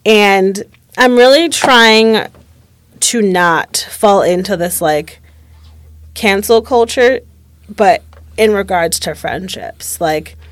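She's in her late twenties, talking in a relaxed, candid and thoughtful way while using "like" constantly. The voice is mid-range and the audio has no echo.

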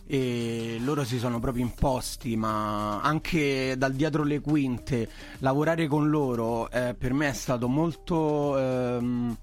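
A man with a Roman accent chatting casually as an interview guest, his voice hoarse and giving out from strained vocal cords. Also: mid-range voice, steady tone, takes it slowly, few pauses, soft background music. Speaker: interview guest, artist working in film.

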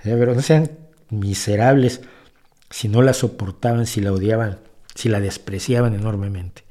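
He speaks at a normal pace with a fairly low, dark voice and fairly even intonation. As the host of a show, he responds to viewer questions in a casual monologue that rambles, keeps restarting and self-correcting, and carries emphatic views.

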